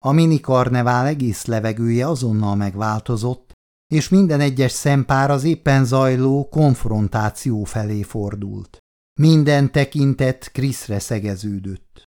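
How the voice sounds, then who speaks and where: Steady and measured, a man narrates from an audiobook script. His voice is pitched in the middle range.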